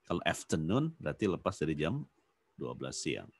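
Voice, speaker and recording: Male teacher, low voice, dry close sound, patient drilling of phrases. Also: big pitch swings, moderate pace, breathy edge, no room sound. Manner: patient, repeats model phrases with exaggerated rising intonation. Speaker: English teacher. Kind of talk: online class lesson, mixing Indonesian and English. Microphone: video call.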